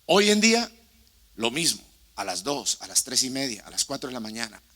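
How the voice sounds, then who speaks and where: A man's voice: medium pitch, very animated, normal speed, bright, forceful tone. A male pastor preaching a sermon in a church sanctuary, impassioned and putting questions straight to the congregation.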